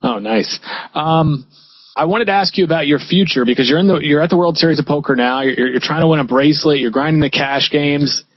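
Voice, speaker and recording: A man hosting a radio show, firing off quick stacked questions to his guest. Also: fairly high pitch, no room sound. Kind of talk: interview questions. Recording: dry dull radio sound.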